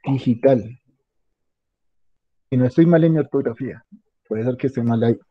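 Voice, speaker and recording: A man giving a classroom lecture, halting and restarting often, checking in with the class after many phrases. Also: medium pitch, no room sound. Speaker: teacher. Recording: dull, muffled lo-fi audio.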